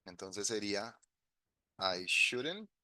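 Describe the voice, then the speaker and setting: A man's voice: on the low side, very animated, slow, pushed and bright, no room sound, clean studio sound. A man teaching an online English grammar class, explaining step by step and switching between Spanish and English examples.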